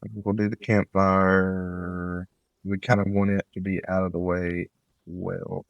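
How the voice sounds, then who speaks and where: In a laid-back, meandering let's-play, a man comments on his game and hands out tips, speaking slowly with a creaky edge. His fairly low voice is a bit nasal because a cold is coming on. The desk mic sits close, so there's no room echo, though the audio comes across dull.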